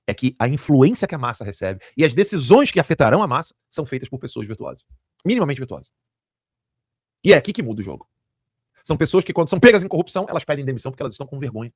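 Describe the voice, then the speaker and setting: A man's voice: medium pitch, big pitch swings, no echo. A man hosting a live political talk show from a studio, with heated, emphatic, repetitive commentary. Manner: rapid, emphatic, repetitive, crude jokes.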